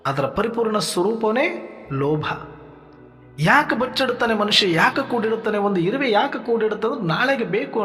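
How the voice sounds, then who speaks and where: A man giving a sermon in a measured teaching manner, asking rhetorical questions and listing points for his listeners. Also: sits high, pushed and bright. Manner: rhetorical questions, lists, addresses listeners as brothers. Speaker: spiritual speaker. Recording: long hall reverb with faint music.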